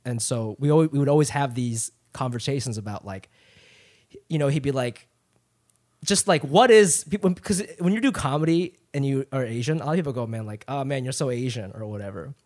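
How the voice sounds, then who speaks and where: He's a comedian from Japan who moved to Ohio at eight and has an American accent, rambling candidly and profanely on a casual podcast. His mid-range voice runs a little fast and has a darkish tone.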